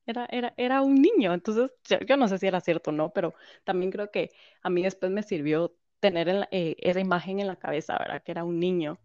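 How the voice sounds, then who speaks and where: Woman, interview guest, animated storyteller who quotes others; dry, slightly muffled recording. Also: fairly low pitch, fast talker, few pauses, no echo. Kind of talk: personal story in conversation.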